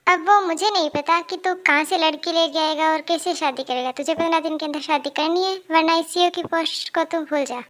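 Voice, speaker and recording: A woman's voice: very high-pitched, fairly even intonation, brisk, few pauses, a bit bright. A woman voicing a stern middle-aged mother and company director who scolds and threatens her son. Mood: scolding.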